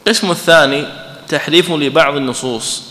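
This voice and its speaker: A man gives a religious lesson, taking the text apart point by point and checking in with his listeners now and then. His voice is bright and forceful, and it rings with the long echo of a hall. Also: a little high, fast talker. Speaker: sheikh teaching a text. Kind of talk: lecture commenting on a read text. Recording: echoey hall.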